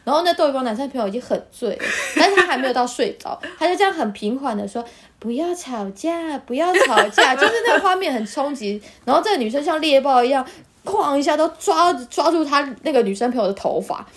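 A woman podcast host with a Taiwanese Mandarin accent tells stories in a high, quick voice. She's an animated storyteller in casual chat, bursting into laughter as she goes.

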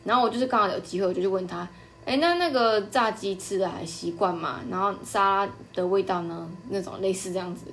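A young woman hosts her own podcast, talking quickly in a chatty, animated way. Her voice sits at an ordinary middle pitch, and a faint hiss of background noise runs under it. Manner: chatty, quick and animated, acting out customers' lines. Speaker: podcast host. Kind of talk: casual storytelling monologue.

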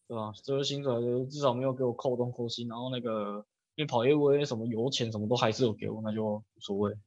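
A man's voice: mid-range voice, steady tone, quick pace, darkish tone, no room sound. A man chatting on a podcast, rambling with lots of fillers and stammered restarts. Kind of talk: casual chat. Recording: slightly dull, lo-fi sound.

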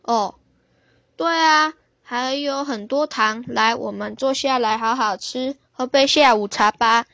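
A woman voicing a gentle, soft-hearted man who cheerfully agrees to everything in a children's story. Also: a little high, a little slow, dry recording. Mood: easygoing. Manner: cheerful, soothing, always agreeing. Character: gentle easygoing man who says yes to all.

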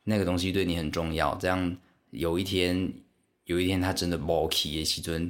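Deep-voiced man rambling in Taiwanese Mandarin. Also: steady tone, a little fast, a bit bright. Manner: rambling, with many restarts and asides to the listener. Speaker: podcast host. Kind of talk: casual solo storytelling.

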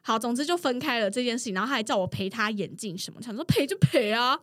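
A woman in her thirties hosting a podcast who tells stories in a loud, excitable way, laughing often. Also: on the high side, fast, no room sound, studio quality. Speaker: podcast host. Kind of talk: casual storytelling chat.

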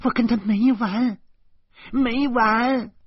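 A shrill, hot-tempered male music teacher, as a male reader puts him on in a storybook reading, his voice jumping high above the reader's own. He yells and sneers with a husky edge over a dull, lo-fi recording. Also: sing-song, measured pace, no echo, exaggerated voice. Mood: furious yelling. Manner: shouting, shrill.

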